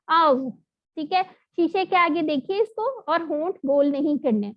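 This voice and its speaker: A woman teaching an online recitation lesson, explaining patiently and sounding out letters slowly. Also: high-pitched, expressive. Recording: dull lo-fi audio.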